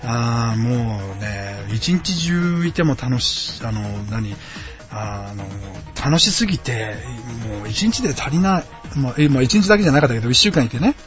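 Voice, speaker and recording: A man's voice: mid-range voice, expressive, moderate pace, lo-fi sound. Late-30s man from Osaka for a homemade podcast: friendly, rambling, filler-heavy, over faint background music. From Osaka, Japan. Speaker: podcast host. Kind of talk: casual solo podcast chat. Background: quiet background music.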